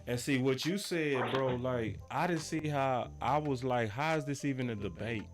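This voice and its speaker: Animated sports talk host over music. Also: male voice, mid-range voice, normal speed. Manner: animated, emphatic, slangy. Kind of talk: casual sports radio talk.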